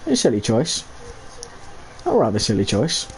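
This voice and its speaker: Lively, excitable male race commentator. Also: medium pitch, normal speed, vocal fry, a little hiss or hum. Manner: excitable, jokey, rambling asides. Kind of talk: live sim racing league commentary.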